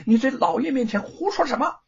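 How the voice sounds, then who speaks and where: A man's voice: extremely high pitch, expressive, a little fast, gravelly, darkish tone, slightly rough, voice pushed up, exaggerated voice. A man voicing a grim, scheming official who talks in a sneering, menacing way, in a dull lo-fi recording.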